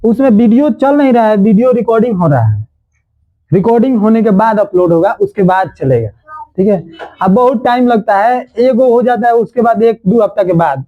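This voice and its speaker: A man's voice: high-pitched, lively intonation, narrow, tinny audio. A man teaching a classroom grammar lesson, repeating each rule phrase by phrase and scolding and joking with his students. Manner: drills rules slowly, repeating each phrase.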